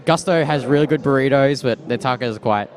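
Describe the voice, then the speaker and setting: A man's voice: mid-range voice, a little fast. A man commentating a live esports match in a casual, chatty way, laughing and restarting often, a little hiccupy. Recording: music playing behind the voice. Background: background music.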